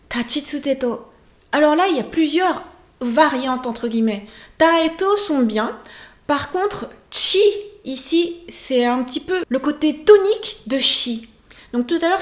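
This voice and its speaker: A woman with a high voice teaches pronunciation in a lively video lesson. She stretches out sample sounds and laughs along the way. Her voice rings in a roomy, echoing space. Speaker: language teacher, channel host. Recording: roomy echo.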